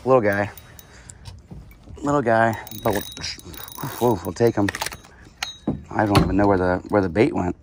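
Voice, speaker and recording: A man with a very low, deep voice talks casually as he fishes from a kayak on a lake. He is recorded outdoors on a head-mounted action camera, with a faint outdoor hiss behind him. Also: normal speed, pauses often. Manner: relaxed, chatty, excited when a fish bites. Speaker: fishing vlogger. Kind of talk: casual narration while kayak fishing.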